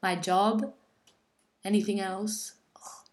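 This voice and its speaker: Congested, raspy young woman co-host, casual laughing banter. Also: mid-range voice, a little fast. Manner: laughing, self-deprecating banter. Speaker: podcast co-host. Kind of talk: casual chat.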